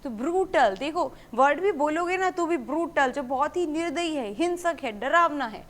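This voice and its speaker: A woman teaching English vocabulary to exam students. She explains each word step by step, asks questions and answers them herself, and reads English example sentences slowly and clearly. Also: high-pitched, lively intonation, a bit bright.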